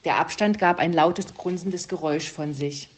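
A woman calmly reading a German story aloud to listeners. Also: deep voice, normal speed. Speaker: reader.

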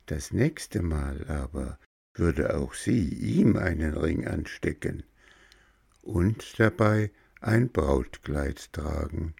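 A man narrating an audio story in a calm, unhurried reading manner. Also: a bass voice, vocal fry, slightly rough, no room sound, studio quality.

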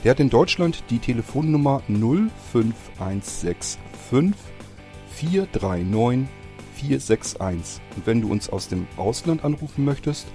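A man's voice: medium pitch, expressive, a little slow, mellow. A man as podcast host, giving a friendly outro with contact details. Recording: faint music underneath.

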